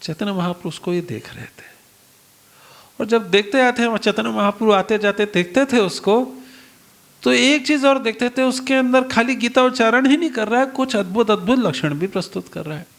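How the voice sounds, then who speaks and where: A man's voice: sits high, moderate pace. A male preacher giving a storytelling sermon, acting out the dialogue of the characters and putting rhetorical questions to his listeners.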